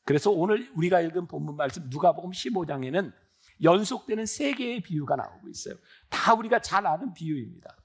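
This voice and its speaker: High-voiced man in his sixties preaching. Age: 60s. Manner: earnest, conversational preaching with rhetorical questions. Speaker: pastor. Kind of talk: sermon.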